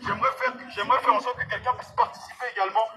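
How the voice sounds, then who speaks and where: Through a megaphone on a street, a male evangelist urges passers-by directly, his high voice racing along very fast with fairly even intonation. His exhortations are emphatic and repetitive, and the noisy outdoor recording picks up a crowd and passing vehicles.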